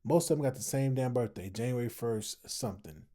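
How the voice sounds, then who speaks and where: Speaking fairly quickly in a mellow mid-range voice, this weary American host, with Texas family roots, riffs on an online discussion. His take is casual and opinionated, and he leans on repetition for emphasis.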